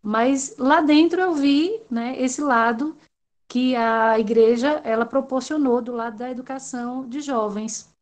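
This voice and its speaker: A woman's voice: high-pitched, measured pace, darkish tone. A woman from Salvador, talking in a rambling, hesitant way with many fillers during an online class discussion. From Salvador, Brazil.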